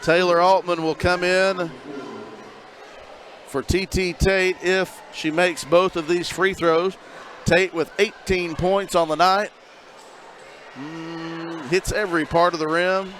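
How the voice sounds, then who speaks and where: A high-pitched man calls a high school girls' basketball game from courtside. He runs through the plays quickly and drops in dry, joking asides, with faint gym noise behind him. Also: little pitch movement, a bit bright. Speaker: play-by-play announcer. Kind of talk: basketball commentary.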